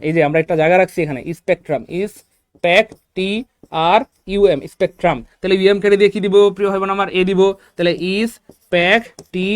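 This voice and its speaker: Fast energetic man teaching. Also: sits high, no room sound, studio quality. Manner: energetic, repeats key words, addresses viewers as brothers and sisters. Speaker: English teacher for job exam prep. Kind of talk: online exam-prep lecture.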